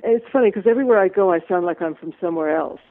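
A middle-aged woman with a mixed American and Irish accent, a musician chatting on a phone interview, upbeat and quick to laugh. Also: fairly low pitch. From USA. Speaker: musician guest. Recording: tinny phone line.

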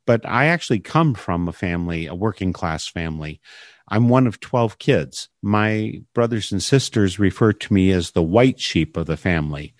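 A man's voice: low voice, expressive, moderate pace, no room sound, clean studio sound. An older man hosting a radio program, speaking reflectively and searching for his words, often restarting a thought. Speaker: radio host.

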